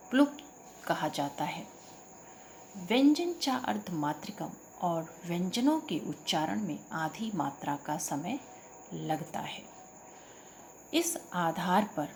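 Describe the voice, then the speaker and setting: A woman teaching a grammar lesson, reciting sounds one at a time in a slow, deliberate way. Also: mid-range voice, a little hiss or hum.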